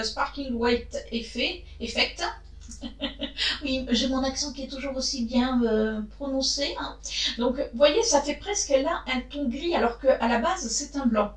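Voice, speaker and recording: A woman chatting casually to her viewers as she reviews makeup, often pausing to hesitate and talking straight to the camera. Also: high-pitched, echoey room. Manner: chatty, frequent hesitations, addresses viewers directly. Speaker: beauty vlogger.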